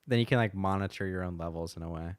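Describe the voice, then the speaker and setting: A man's voice: deep voice, quick pace, smooth, no echo, studio quality. A young man from North Carolina, guesting on a casual podcast, joking bluntly and laughing. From Asheville, North Carolina. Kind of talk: casual chat.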